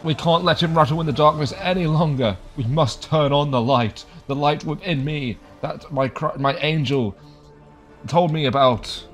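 A man's voice: on the high side, moderate pace, faint music behind. A man giving playful, improvised gameplay commentary in a jokey, mock-dramatic manner. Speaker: gaming host.

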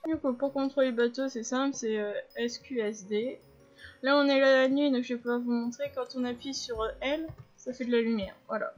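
Female gaming host, a touch high-pitched, casual and chatty commentary over quiet game music. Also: fairly even intonation, normal speed, lo-fi sound. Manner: chatty, explains controls to viewers, frequent fillers. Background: faint game music.

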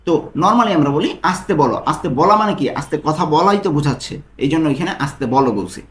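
A man teaching a language lesson, saying each phrase slowly and then repeating it, explaining it word by word. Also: fairly high pitch, animated, roomy sound. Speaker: language tutor.

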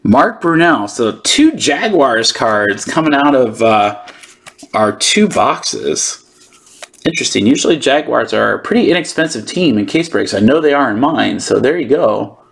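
A man's voice: mid-range voice, expressive, unhurried, vocal fry, a bit bright, husky. A man hosting a sports card channel, giving casual, informal unboxing commentary as he thinks aloud.

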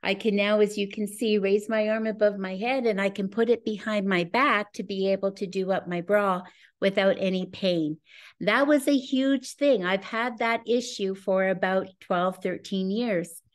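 A woman's voice: medium pitch, steady tone, normal speed. Enthusiastic woman in her sixties presenting. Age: 60s. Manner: earnest, enthusiastic, personal testimonial. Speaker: presenter of a business opportunity. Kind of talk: webinar presentation. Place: home room with a scenic backdrop, indoors. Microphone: video call webcam.

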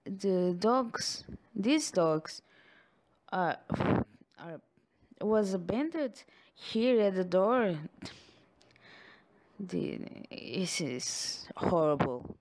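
This woman isn't a native English speaker, and her mid-range voice has lively intonation and a somewhat dark tone. Speaking straight to the listener in a loving ASMR girlfriend roleplay, she takes her time, sighing and giggling frequently.

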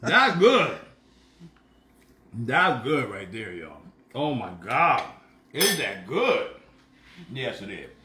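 Speaking slowly and pausing often, a man in his fifties with a medium-pitched voice hosts a casual live cooking show from his home kitchen. He stays animated and playful, savoring the food out loud with hums. The phone camera on the counter captures an echoey room with a little hiss or hum.

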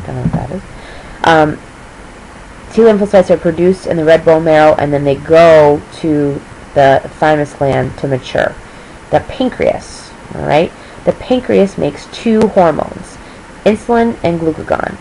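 A woman teaching a recorded review lesson, her voice sitting low. She is losing her voice as she explains step by step, checking in with a quick "okay?". Faint noise hums under the recording. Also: a little mellow, low-quality recording.

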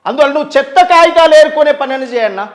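Here a man talks quickly in an extremely high voice with lively intonation, his accent Telangana Telugu. As an interview guest he is impassioned and emphatic, leaning on rhetorical questions and long lists.

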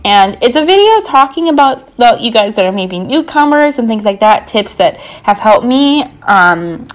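With background music playing, a young female gaming creator rambles through a bubbly, casual voiceover despite a slightly sore throat. Her voice sits a little high, swings widely in pitch, and keeps a moderate pace, with frequent "like"s and side comments.

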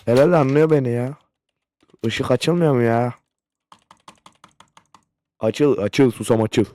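Taking it slowly at a medium pitch, a young gaming YouTuber from Turkey reacts loudly and profanely to a horror game. Behind him is the game's generator hum, and his commentary jumps with every scare.

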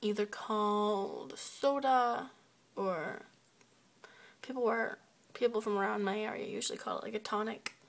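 A woman's voice: mid-range voice, fairly even intonation. A teenage girl from the United States, casually reading a word list one word at a time. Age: teens. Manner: unhurried, reads words one by one. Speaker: video blogger.

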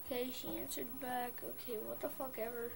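A woman's voice: on the high side, flat delivery, a little fast, gravelly, background noise. A young woman talking in a casual gaming vlog into a phone mic, swearing constantly in a frustrated rant. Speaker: gaming vlogger.

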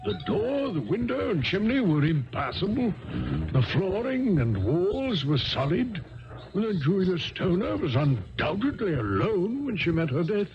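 An actor playing an earnest, puzzled gentleman doctor, hesitant and questioning, in 1970s radio drama style. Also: high voice, very animated, measured pace, over music. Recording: muffled 1970s radio recording.

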